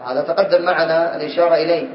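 A man teaching a class, quizzing his students and calling on them, slowly repeating key words. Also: a little high, flat delivery, a little hiss or hum. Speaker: teacher of Arabic morphology. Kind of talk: classroom lecture. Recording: distant, roomy, dull lo-fi recording.

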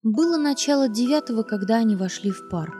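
A woman reads a novel aloud in a mellow, warm voice and tells it with lively expression. Soft music plays beneath her narration. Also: on the high side, a little fast. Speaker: audiobook narrator. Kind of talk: scripted literary narration.

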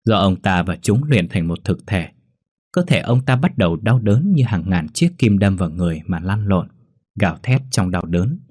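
A man narrating a ghost story in a steady storytelling way. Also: sits low, moderate pace, slightly rough, dry recording, clean studio sound. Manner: steady storytelling, voicing all figures.

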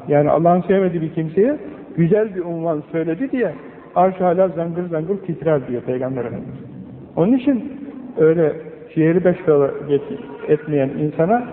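An older man preaching a sermon in an earnest, admonishing way, his emphasis rising on key points, on an old low-quality recording. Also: a little hiss or hum. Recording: old lo-fi recording, phone-like band, echoey hall.

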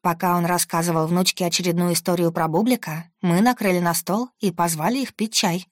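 Casting note woman audiobook narrator, lowish, steady, close and dry. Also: brisk, dry recording. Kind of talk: scripted first-person narration.

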